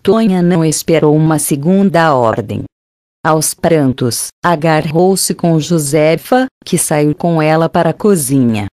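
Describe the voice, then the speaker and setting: A woman narrating an audiobook in a steady, measured reading. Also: low voice, no room sound, clean studio sound. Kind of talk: scripted narration.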